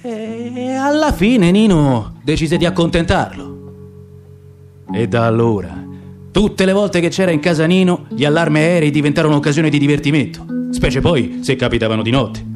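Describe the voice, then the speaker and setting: Faint music plays behind a man narrating a radio theatre piece, reading literary prose with dramatic, theatrical expression. His pitch is fairly high and his pace moderate.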